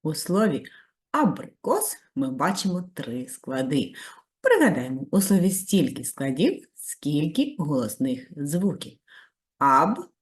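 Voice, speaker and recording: A female primary school teacher giving a video lesson to children, praising warmly and giving step-by-step tasks. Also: a little slow. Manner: very lively pitch, rising high on praise.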